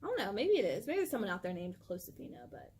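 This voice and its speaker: A woman's voice: medium pitch, wildly swooping pitch, quick pace, a little mellow, a little hiss or hum. A woman co-hosting a vlog. She chats casually about her pet, gushing and filling her talk with "like". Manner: gushing, chatty, full of "like" fillers. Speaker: channel co-host. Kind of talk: casual chat about pets.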